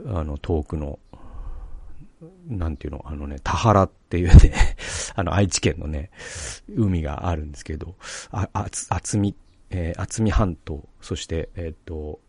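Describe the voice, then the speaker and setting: A man's voice: deep voice, a little mellow, no echo. A man hosting a podcast, telling a rambling personal story with many fillers before turning to reflection on the Bible. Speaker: podcast host. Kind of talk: casual monologue leading into Bible reflection.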